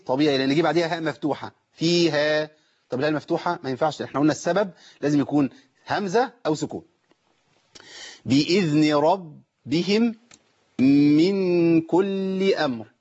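An Egyptian-accented man leads a recitation lesson, firing off rapid questions and answers about the rules and slipping into a slow chant for the verses. His fairly high voice has a slight huskiness. The sound is dull and lo-fi, like an older broadcast. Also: a little mellow, husky. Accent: Egyptian Arabic. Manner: quick explanatory chatter with question-and-answer drills, slow melodic recitation. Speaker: Quran recitation teacher. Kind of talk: tajweed lesson on a call-in broadcast.

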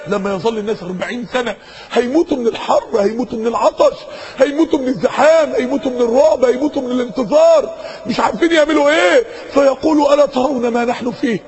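A man with an Egyptian Arabic accent preaching a sermon, impassioned, rising to cries and slowing down for quotations. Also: extremely high pitch, a little mellow, slight background noise, poor audio.

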